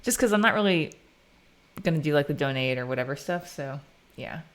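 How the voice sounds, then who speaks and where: A woman from the United States talks a little fast in a low, expressive voice while she codes on a live stream. Her chat is informal, with plenty of casual thinking aloud.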